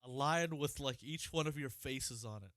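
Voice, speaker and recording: A man's voice: medium pitch, moderate pace, no echo. A man co-hosting a podcast in casual chat, ranting with lots of swearing. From Ohio, United States. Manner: profane, animated ranting. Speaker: podcast co-host.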